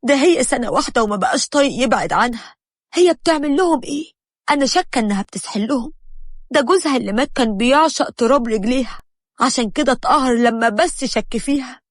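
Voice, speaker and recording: A woman's voice: high voice, lively intonation, quick pace, no room sound, clean studio sound. A woman voicing a jealous, scheming wife with an Egyptian accent, reading a story aloud with a resentful, spiteful manner.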